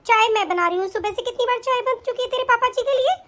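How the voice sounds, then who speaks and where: A woman voicing an elderly, hardworking mother-in-law in an animated story, speaking in a scolding, reproachful way. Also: very high-pitched, fast.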